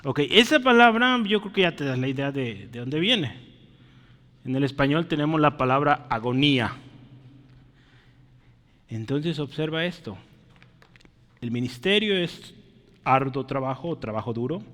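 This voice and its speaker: A man's voice: medium pitch, lively intonation, a little slow, long pauses, fairly bright tone, big-room sound. A man preaching a teaching sermon, explaining step by step, often checking that listeners follow and calling them brother. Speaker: preacher teaching a Bible study.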